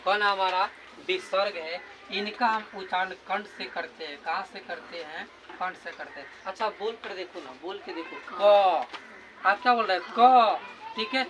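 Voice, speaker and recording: A man with a high voice teaches a classroom grammar lesson at normal speed, repeatedly posing a question and answering it himself and drilling sounds aloud. There is noise in the background.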